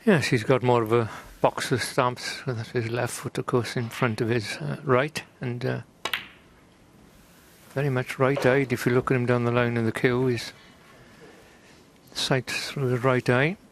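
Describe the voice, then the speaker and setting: A man giving conversational snooker analysis as co-commentator, hushed and understated. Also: medium pitch, flat delivery, unhurried. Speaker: snooker co-commentator and former coach. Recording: clear crowd noise and arena ambience. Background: snooker arena audience ambience.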